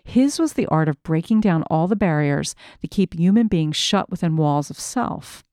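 A woman reading a first-person memoir aloud in a measured, reflective storytelling manner. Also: lowish voice, expressive, mellow, no echo, studio quality. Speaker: narrator.

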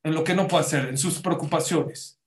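A rabbi with a slightly high voice, speaking at normal speed, teaches a Torah class through a Spanish-language sermon. He's emphatic, questions his listeners directly, and mixes in Hebrew religious terms. The recording has a roomy echo.

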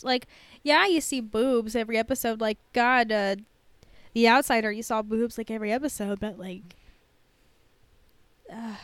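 A podcast co-host with a slightly high, somewhat bright voice chats casually about a TV show, sounding informal and sweary and saying "like" constantly. There's no room sound in the recording.

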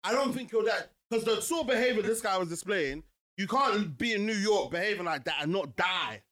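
A man's voice: sits high, expressive, a little fast, fairly bright tone. A man with a London accent chatting casually with friends in a slangy, questioning way. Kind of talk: casual group chat.

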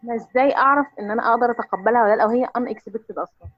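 A woman's voice: fairly high pitch, racing. A woman with an Egyptian Arabic accent asking a question on a choppy, glitchy call line that keeps cutting out, hesitating and restarting her words. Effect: choppy glitchy call line that cuts out. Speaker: caller. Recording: dull lo-fi call line with faint music.

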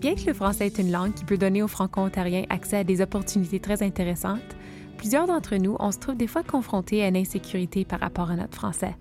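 A woman's voice: mid-range voice, fast talker. Young woman narrating over faint music. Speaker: interviewer and narrator. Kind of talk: interview questions and scripted narration.

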